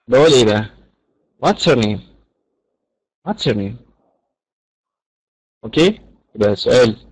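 A man's voice: medium pitch, no echo, low-quality recording. A man with an Egyptian Arabic accent giving an online English lecture, repeating example questions aloud in English. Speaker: English teacher.

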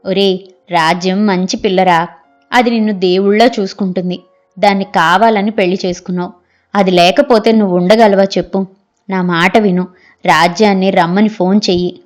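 A woman's voice: mid-range voice, steady tone, normal speed, soft background music, natural voice. A woman voicing an older mother who earnestly pleads with her son in a storybook reading. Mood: pleading.

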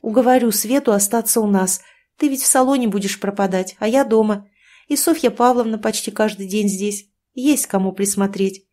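A woman's voice: mid-range voice, normal speed, mellow, lightly acted. A woman reading an audiobook, voicing a decisive, reassuring female friend. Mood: firm. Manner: firm, reassuring.

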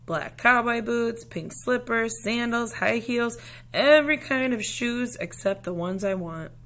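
Expressive woman reading a picture book aloud. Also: a little high, unhurried.

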